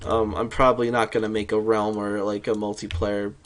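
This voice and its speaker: A man's voice: fairly low pitch, level tone, a little fast, slight background noise. Tired young man rambling casually. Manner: rambling, sweary, with many restarts. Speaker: streamer. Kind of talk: casual late-night rambling while gaming.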